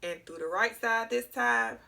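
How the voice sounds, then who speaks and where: A woman's voice: on the high side, a little slow, gravelly, bright, forceful tone. A woman teaching breathing exercises in a casual, direct way, often checking in with viewers. She is a little congested and sounds slightly clogged. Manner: talks straight to viewers, checks in with frequent "okay?". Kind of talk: casual guided breathing lesson.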